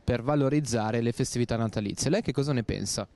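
A man's voice: medium pitch, fast talker, darkish tone, no room sound. A man asking passers-by prepared questions in a formal way. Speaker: street interviewer. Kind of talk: scripted interview questions.

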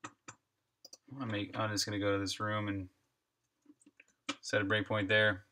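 A man's voice: fairly low pitch, monotone, moderate pace, sharp tone, slight background noise. A man live-streaming while he codes a game, chatting casually, reading viewer comments aloud and laughing often.

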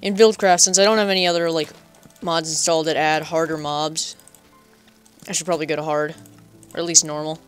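A man's voice: a little high, steady tone, brisk, a bit bright, smooth, faint music behind. A man giving casual, chatty let's play commentary, talking to himself playfully and making up goofy nicknames for animals. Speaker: gaming channel host.

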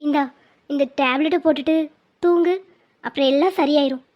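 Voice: sits high, fairly even intonation, a little fast, natural voice. A performer voicing a caring young woman who comforts and advises her grieving relative. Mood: soothing. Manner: soothing, advising. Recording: dull lo-fi sound.

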